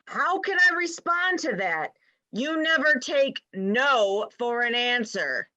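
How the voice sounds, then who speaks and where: A woman plays a bitter, fussy rabbit in an adult stage comedy. The delivery is very drawn out, bright and forceful, with an indignant, scolding edge. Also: sits high, very animated, slow pace, highs cut off, heavily acted. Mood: exasperated. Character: uptight, bitter, exasperated rabbit.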